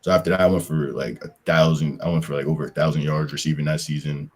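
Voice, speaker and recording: Talking fast, a young Pennsylvania football player with an extremely deep, husky, darkish voice reminisces about his football and track days. His tone stays level while he rambles through a casual interview, heavy on slang and "like" fillers.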